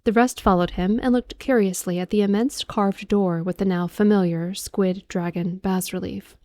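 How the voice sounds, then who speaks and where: A woman reading a horror audiobook as a calm bedtime ASMR narration, soft, measured and deliberate. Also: medium pitch, no echo.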